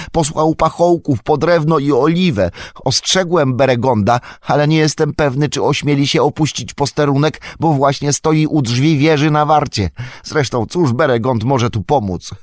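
A man's voice: medium pitch, dry recording, studio quality, voice pushed up, lightly acted. A man voicing Pippin, a frightened young male hobbit who pleads breathlessly and urgently.

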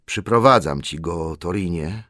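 A man's voice: sits low, lively intonation, a little slow, pushed and bright, no echo, clean studio sound, full character voice. A man voicing a wise old male wizard in a storybook reading, hearty and commanding. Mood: glad. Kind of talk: audiobook character voice.

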